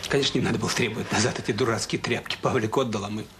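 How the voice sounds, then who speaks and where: Very fast and fairly even in intonation, a lowish, natural male voice carries the part of a remorseful, troubled middle-aged father in Soviet radio drama acting. He speaks with hesitant earnestness and bitter regret over a noisy background.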